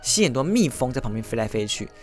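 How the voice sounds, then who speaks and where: A woman's voice: very deep voice, fast talker, soft background music. A woman podcast host, telling a history story in a chatty, exclamatory way. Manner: animated, exclamatory, chatty asides.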